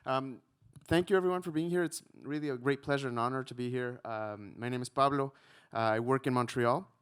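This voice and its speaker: A man from Ecuador, likely in his thirties, giving a relaxed conference talk with frequent ums and a self-deprecating touch. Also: mid-range voice, a little fast, clean tone. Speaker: conference speaker, researcher.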